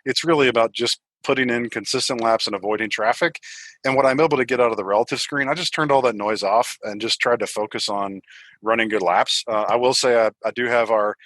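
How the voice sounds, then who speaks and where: A man who placed second in a sim race, talking excitedly in a casual post-race interview. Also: mid-range voice, brisk, no room sound. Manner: excited, talkative.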